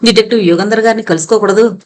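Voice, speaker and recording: A woman's voice: medium pitch, fairly even intonation, rapid-fire, close to an everyday voice. A woman voicing an earnest, persuasive young daughter in an audiobook reading.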